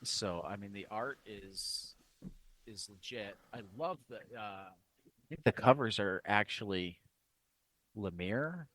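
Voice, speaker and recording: A man's voice: lowish voice, expressive, takes it slowly, pushed and bright. A man co-hosting a comics podcast in casual chat, rambling with many restarts and fillers. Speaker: podcast co-host.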